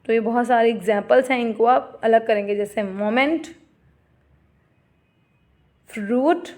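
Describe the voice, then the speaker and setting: A woman giving a classroom lecture, explaining terms in Hindi-Urdu and reading definitions slowly, addressing students as "beta". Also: a little high, darkish tone.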